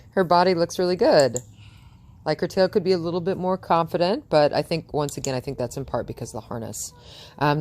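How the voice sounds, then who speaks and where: A woman's voice: sits low, a little mellow. A woman dog trainer chatting through a training session outdoors in front of a house, cooing praise at the dog and laughing often.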